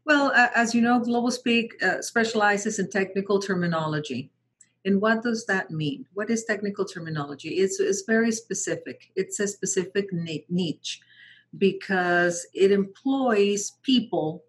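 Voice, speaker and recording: Her voice is medium-pitched and slightly rough, at normal speed, as this Mexican woman in middle age, a native Spanish speaker, shares her story in an interview. The guest, founder of a translation company, frequently starts over, repeats herself and acts out others' words with animation.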